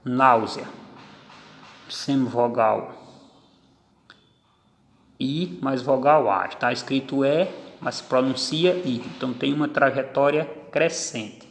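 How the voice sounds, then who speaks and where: Slow, deliberate male grammar teacher. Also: mid-range voice, a little hiss or hum. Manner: slow, deliberate, spells out syllables. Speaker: Portuguese teacher. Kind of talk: grammar lesson. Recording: echoey room with long reverb.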